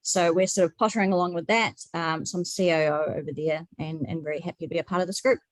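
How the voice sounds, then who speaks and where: A woman's voice: lowish voice, steady tone, quick pace, dry recording, rough recording. A woman with a New Zealand accent introducing herself on a video call, chatty and self-deprecating. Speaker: meeting participant.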